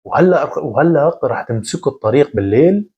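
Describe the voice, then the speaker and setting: A man voicing a worried older mother who softly pleads with her son. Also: a little high, lively intonation, fast, breathy edge, lo-fi sound, full character voice. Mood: worried, pleading.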